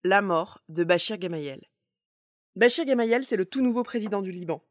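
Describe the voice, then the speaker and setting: A woman's voice: on the low side, brisk, no room sound. Woman podcast host telling a story, chatty with wry asides, very dry studio sound. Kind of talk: semi-scripted storytelling narration.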